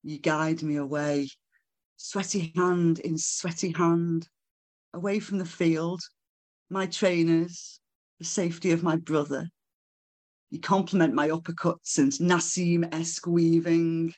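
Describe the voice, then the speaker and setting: Poet at a live launch, slow unhurried delivery, casual between-poem chat. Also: mid-range voice, level tone, darkish tone. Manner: slow, measured reading broken by casual remarks and fillers. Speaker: author reading own poems. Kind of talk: live poetry reading with chatty asides. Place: live book launch event.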